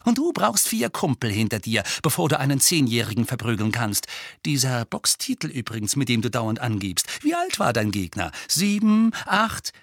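A man's voice: medium pitch, big pitch swings, moderate pace, vocal fry, hardly any pauses, no echo. A man voicing a cool, sarcastic teenage boy who mocks his cousin. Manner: dry mocking sarcasm.

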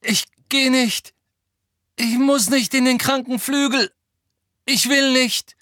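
A man's voice: mid-range voice, moderate pace, fairly bright tone, slightly rough, no room sound, studio quality. A male audiobook narrator voicing a frightened teenage boy wizard who stammers and pants out urgent words. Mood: refusing. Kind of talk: audiobook character voice.

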